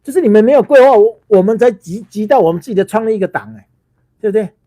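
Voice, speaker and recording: A man's voice: sits high, animated, fast talker, dark tone. A man with a Taiwanese Mandarin accent giving heated political commentary on a livestream. He scolds in rhetorical questions and restarts often.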